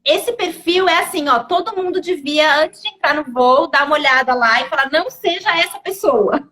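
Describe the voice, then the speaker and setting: A woman's voice: sits high, fairly quick, bright, forceful tone. A woman hosting a casual interview. She is chatty and playfully sarcastic. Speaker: host.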